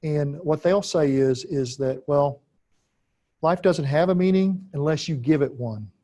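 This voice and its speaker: Man, philosophy lecturer, slightly high voice, unscripted and halting, lots of "uh", repeats points for emphasis. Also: mellow. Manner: deliberate, halting with frequent "uh" fillers, repeats key phrases for emphasis.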